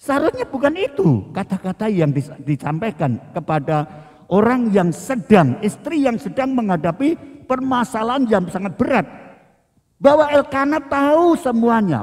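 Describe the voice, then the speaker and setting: Brief: male pastor, very high voice, slow lively sermon delivery, long reverb. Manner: frequent "ya" tags, stretched emphatic phrasing. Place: church worship service.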